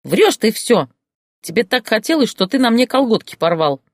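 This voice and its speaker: A plump young woman shrieks her accusations, shrill and high, as a reader puts her on. The recording is dry and close. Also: brisk, no echo, natural voice. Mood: shrill angry.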